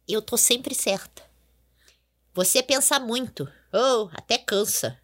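A woman hosting a comedic clown podcast, talking in a playful, theatrical and bossy way with sudden high squeals. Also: takes it slowly, fairly bright tone. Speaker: podcast host.

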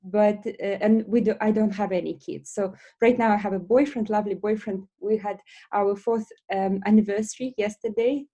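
A woman from Belarus with a Belarusian accent, speaking non-native English as an interview guest in a casual style, with hesitant, pause-filled phrasing. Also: mid-range voice, fairly even intonation, warm tone, muffled recording. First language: not English. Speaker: interview guest, lash business founder.

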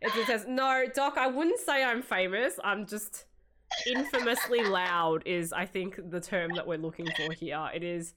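A woman chatting casually on a live stream, projecting loudly through a compressed mic and often repeating words as she goes. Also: mid-range voice, unhurried, background noise. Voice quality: loud, projected voice. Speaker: streamer and convention MC. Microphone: streaming mic setup with compressor.

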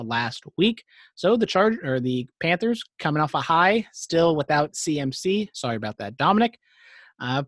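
A man co-hosting a football picks show, talking through each matchup in a casual, teasing way. His voice sits a little higher than most men's. The sound is close and dry, with no room around it. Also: no echo. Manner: runs through game previews, teasing banter. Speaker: podcast co-host. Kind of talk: casual sports picks chat.

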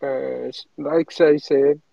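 A man's voice: medium pitch, fairly even intonation, takes it slowly, vocal fry, muffled recording, over a noisy crowd. A man whose voice sounds robotic and metallic, making brief, terse remarks as a panel guest in a casual chat.

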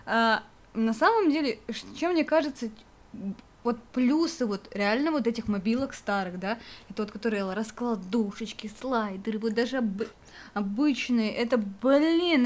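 Chatty young woman, slightly high voice. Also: normal speed. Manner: chatty, rambling, full of fillers and laughs. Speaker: podcast co-host. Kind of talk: casual nostalgic chat.

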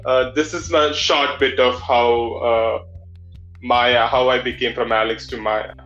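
A man speaks English with a clear Malayali accent, telling a personal story as an interview guest. His delivery is halting and conversational. The recording is dull and lo-fi, with music behind him. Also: mid-range voice, steady tone, a bit bright. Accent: Malayali Indian English. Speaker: interview guest, drag performer.

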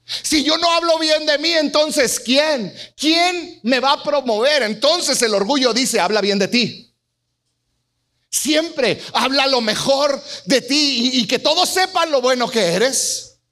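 A middle-aged man preaching a sermon, telling stories and acting out voices with big swings in pitch. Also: animated, slow pace, pushed and bright. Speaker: pastor.

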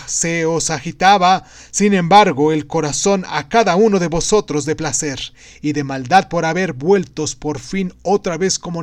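A man's voice: on the high side, no echo, close to an everyday voice. A man reading aloud and voicing a grave, fervent male prophet-sage in a declamatory way. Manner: declamatory, exhorting. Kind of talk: audiobook reading.

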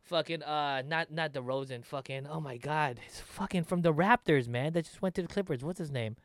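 A man's voice: a little high, brisk, no echo. A man hosts a casual talk show. He speaks emphatically and swears freely, in a very dry studio sound. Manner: emphatic, profane.

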